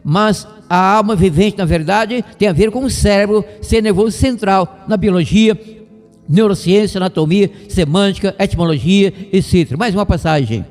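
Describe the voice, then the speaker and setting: High-voiced Brazilian man teaching Scripture. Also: normal speed, darkish tone, in a large hall. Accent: Brazilian Portuguese. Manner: rambling, digressive, jokey asides. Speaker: radio Bible teacher. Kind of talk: informal radio Bible lesson.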